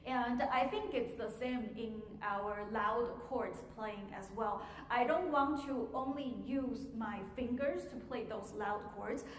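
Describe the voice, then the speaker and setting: A woman teaching a piano masterclass, answering audience questions in a measured way with frequent pauses and ums, in an auditorium. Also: a little high. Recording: echoey hall, faint noise.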